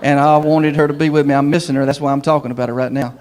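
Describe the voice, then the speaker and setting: A man's voice: fairly high pitch, steady tone, racing, darkish tone. A middle-aged man, preaching a sermon in a folksy, humorous storytelling way. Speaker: pastor.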